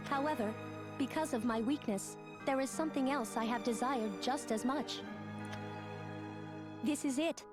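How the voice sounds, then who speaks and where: A woman's voice: high-pitched, moderate pace, long pauses, lightly acted. A woman voicing a guilt-ridden young female android in a video game, with a formal, robotic delivery. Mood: remorseful. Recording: game audio with music behind. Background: game background music.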